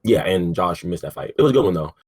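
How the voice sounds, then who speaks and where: Young man, very low voice, husky, laid-back sports chat, lots of fillers. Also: expressive, fast, a little mellow. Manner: laid-back, says 'like' and 'um' a lot, swears casually. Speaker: podcast co-host.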